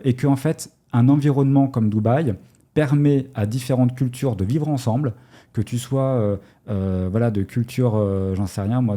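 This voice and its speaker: A man from France with a very dark, mellow voice at an everyday pitch. He speaks as an interview guest, thinking out loud with frequent fillers and restarts. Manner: hesitant, many fillers and restarts. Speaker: guest entrepreneur. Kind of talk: casual interview talk.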